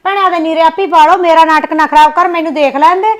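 A woman's voice: extremely high pitch, fairly even intonation. A woman with a Punjabi accent acting a young village wife in a short film, complaining and snapping back. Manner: sulky, complaining, quick retorts.

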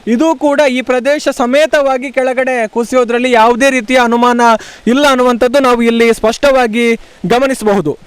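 High-voiced man reporting on location. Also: clear, resonant tone, no echo. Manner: earnest, explanatory, pointing things out to viewers. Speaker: field reporter. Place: outdoors on a hillside plantation.

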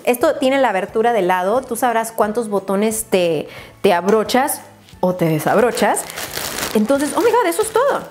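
A chatty, excitable woman with a Mexican accent, unboxing a beauty haul and dropping English exclamations. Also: a little high. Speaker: beauty vlogger. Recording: roomy echo with faint noise.

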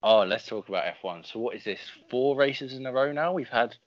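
A man's voice: medium pitch, brisk, no echo, lo-fi sound. A man co-hosting a casual podcast, explaining things with dry, teasing humor. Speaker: podcast co-host.

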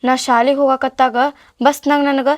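A woman's voice: high voice, little pitch movement, normal speed, no echo, studio quality, close to an everyday voice. A young woman playing a schoolgirl daughter with a North Karnataka Kannada accent, pleading with her parents.

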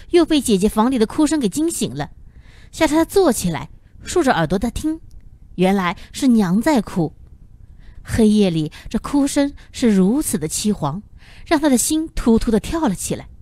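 A woman narrating a novel as an audiobook in an expressive storytelling manner. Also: fairly high pitch, no room sound.

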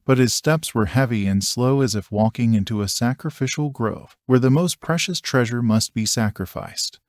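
A man narrating an audiobook in a measured, even reading. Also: mid-range voice, no room sound, studio quality.

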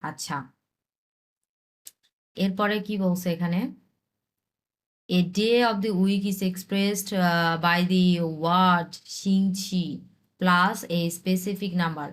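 A young woman from Bangladesh, teaching an online language lesson, repeating examples and reading English lines slowly. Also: on the low side, flat delivery. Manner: explains slowly with repeated examples, reads English text haltingly.

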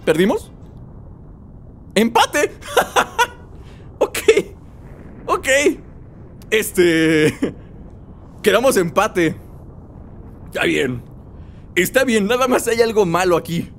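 A young man giving animated gameplay commentary, talking to his viewers and shouting and laughing as he fights. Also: sits high, slow, creaky, pauses often, slight background noise. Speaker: gaming YouTuber. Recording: loud game music behind the voice.

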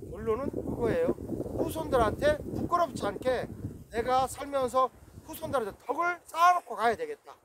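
A man in his forties talking outdoors on a rocky hillside in a casual vlog, with a preachy manner and frequent affirmations. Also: very high voice. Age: 40s. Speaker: vlogger. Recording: noisy outdoor recording.

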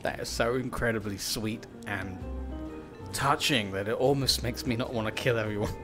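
A man's voice: on the low side, moderate pace, over music. A man streaming a game live, swearing freely and teasing in a playful, mock-theatrical way. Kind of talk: live gaming stream commentary.

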